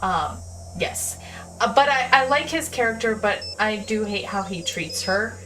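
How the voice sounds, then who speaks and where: A woman streaming a game, chatting casually and haltingly with many restarts. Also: mid-range voice, expressive, far from the mic, noisy background. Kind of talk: casual gameplay chat.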